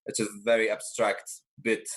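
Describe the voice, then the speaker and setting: A man's voice: lowish voice, monotone, moderate pace, fairly bright tone. A man in a band chatting casually on a video call, rambling and hesitant, and laughing often. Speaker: band member.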